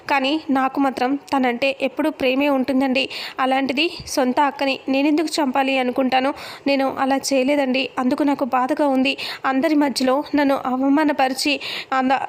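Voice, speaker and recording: A woman's voice: high-pitched, lightly acted. A woman voicing a tearful young wife, pleading that she did nothing wrong, in a story recap.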